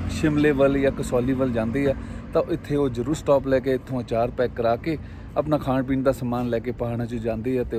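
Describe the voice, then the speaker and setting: A man narrating a casual food and travel vlog outdoors, speaking politely and explaining things to his viewers. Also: mid-range voice. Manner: friendly, explanatory, polite with frequent "ji". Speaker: food vlogger. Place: roadside by a hill town market, outdoors. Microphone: phone or camera held at arm's length. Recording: outdoor noise and passing traffic.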